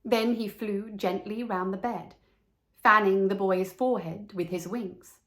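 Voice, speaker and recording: A woman reading a children's story as narrator, measured and expressive. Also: medium pitch.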